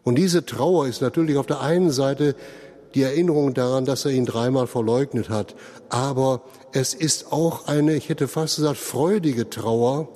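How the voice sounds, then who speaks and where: A man's voice: mid-range voice, a little mellow, big-room sound. A man preaching a sermon, explaining earnestly and speaking straight to his listeners. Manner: slow, earnest explaining, addresses listeners directly. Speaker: pastor.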